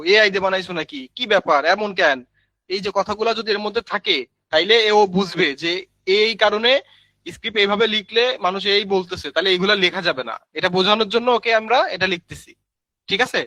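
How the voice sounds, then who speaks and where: A man's voice: high voice, bright, forceful tone, no room sound, poor audio. A man teaching a live screen-share tutorial, chatty, calling viewers brother and using many fillers. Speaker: online course instructor.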